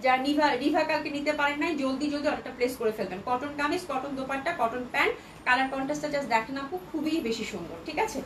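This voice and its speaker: A woman from Bangladesh runs a live clothing sale, talking quickly in a fairly high voice and reading out viewer comments as she goes. A cold has left her throat a little sore. A faint noise sits under the recording. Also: fairly bright tone, rough recording. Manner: chatty, reads out viewer comments. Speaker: online clothing seller. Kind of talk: live sales stream.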